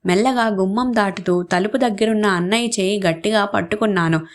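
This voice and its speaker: A woman's voice: medium pitch, a little fast. Woman, storyteller, story reading, voices the characters' quoted lines. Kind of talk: reading a short story aloud.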